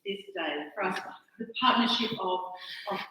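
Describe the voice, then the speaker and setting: An Australian woman with a medium-pitched, sharp-toned voice gives a chatty, self-deprecating conference talk at normal speed, halting and restarting as she goes. The recording sounds echoey, as if made in a hall with the mic far away.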